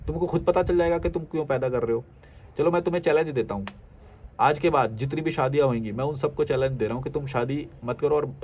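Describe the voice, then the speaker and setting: A man's voice: mid-range voice, a little mellow, slight background noise. A man in a casual rant reacting to viewer comments, scornful and blunt, firing rhetorical questions at the listener. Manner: scornful, mocking, blunt and coarse. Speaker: social media commentator.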